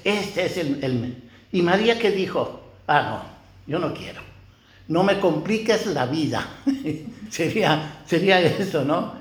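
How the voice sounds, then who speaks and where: Older priest, slow and unhurried, echoey church. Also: male voice, fairly high pitch. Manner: conversational, asks the listeners rhetorical questions. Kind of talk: homily.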